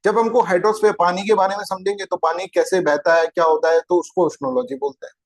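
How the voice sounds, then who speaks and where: A man's voice: high-pitched, steady tone, fast talker. A man teaching an exam-prep geography lecture, chatty and informal, who keeps asking his students rhetorical questions.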